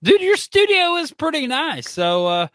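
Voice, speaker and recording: A man's voice: extremely high pitch, big pitch swings, a little slow, fairly bright tone, dry recording. A man hosting a podcast in casual, joking chat, exclamatory and teasing. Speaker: podcast host.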